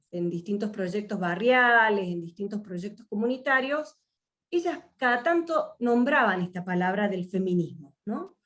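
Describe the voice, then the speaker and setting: Leading a workshop over a video call, an Argentine facilitator from Mendoza speaks with a fairly high-pitched, fairly bright voice. Her Argentine Spanish is reflective and full of fillers and false starts.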